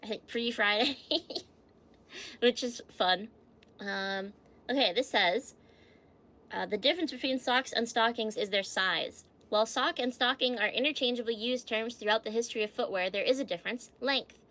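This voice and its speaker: Giggly, bright-voiced woman streamer. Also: on the high side, normal speed. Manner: chatty, giggly, reads facts aloud and replies to chat. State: stuffy from allergies. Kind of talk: casual livestream chat.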